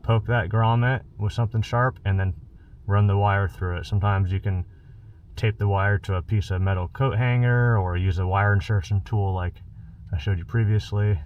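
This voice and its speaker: The recording is muffled, capturing a man with a lowish voice at a moderate pace as he hosts a DIY install video around a pickup truck. He goes through the steps in a plain, casual, hands-on way, over steady background noise.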